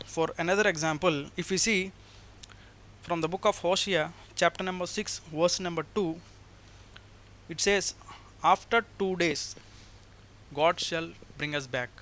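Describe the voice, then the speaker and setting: A religious teacher in his twenties with an Indian accent responds to criticism by explaining scripture in a formal, didactic manner, repeating key phrases. His voice is fairly high, bright, and forceful, with faint background noise.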